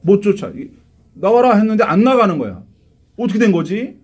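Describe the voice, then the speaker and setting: Man, pastor, live church sermon, high voice, very animated intonation, rhetorical questions. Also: brisk, slightly rough. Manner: animated, asks the congregation rhetorical questions, acts out quotes. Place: church sanctuary.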